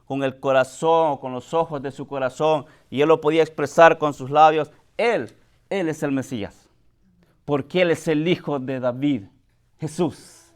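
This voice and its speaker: A man's voice: fairly high pitch, darkish tone, clear, resonant tone. Impassioned man preaching a sermon. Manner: addresses the congregation directly as brother.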